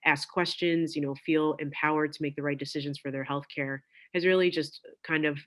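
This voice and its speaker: Woman, clinician, tired, measured, flat delivery, video call. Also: deep voice. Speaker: clinician panelist. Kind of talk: panel discussion.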